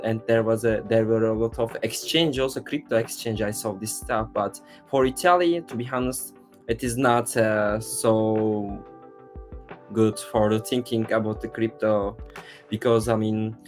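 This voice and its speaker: Turkish-accented man, chatty podcast guest. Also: mid-range voice. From Turkey. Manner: leans on "I mean" and "to be honest", loose non-native phrasing. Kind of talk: casual podcast conversation.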